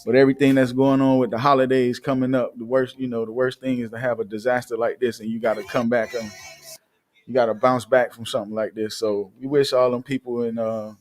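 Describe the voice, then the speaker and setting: An Atlanta live-show host chats casually and reads the news aloud, his mid-range, darkish voice a little fast and flat in delivery. His talk is loose, heavy with fillers, and he often restarts.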